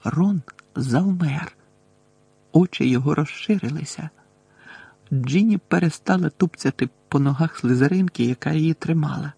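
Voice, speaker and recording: A man narrating an audiobook with an expressive, dramatic reading. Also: fairly high pitch, a little fast, vocal fry, husky, no room sound.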